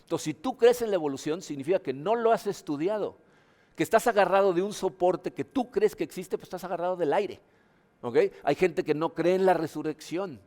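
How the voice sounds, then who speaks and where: A man's voice: sits high, a little fast, a little mellow, in a large hall. A male pastor, preaching in a conversational way with many rhetorical questions. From Mexico. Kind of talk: sermon. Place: church hall.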